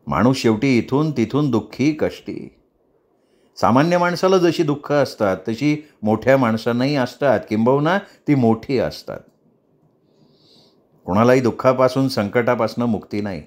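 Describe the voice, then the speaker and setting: A male storyteller reading a novel aloud at a measured pace. His voice sits at a middling pitch and moves reflectively through the prose. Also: animated. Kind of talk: audiobook narration.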